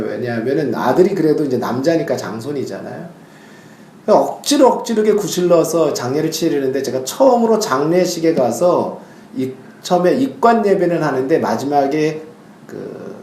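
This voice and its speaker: A male pastor preaching a sermon, telling stories in an animated way and now and then crying out loud. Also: mid-range voice, roomy sound, slight background noise. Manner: animated storytelling, bursts into loud acted cries.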